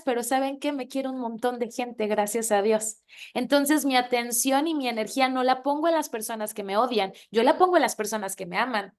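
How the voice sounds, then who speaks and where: A woman hosting a faith-based reading circle, chatty and animated, laughing often and calling her listeners friend. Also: high-pitched. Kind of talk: faith-based casual talk to a reading group.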